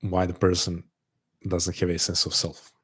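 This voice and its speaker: Deep, flat, husky man musing aloud. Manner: halting, repeats words and restarts phrases often; earnest, thoughtful. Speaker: host of a live online call. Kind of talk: reflective live talk to an audience.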